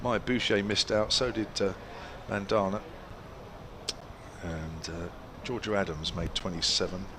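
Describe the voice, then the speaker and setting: A man commentates live on cricket in a fairly low voice. He is chatty, calling play and scores in short phrases. Outdoor ambient noise is clearly audible behind him. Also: steady tone, unhurried. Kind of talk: live cricket commentary, conversational with match updates.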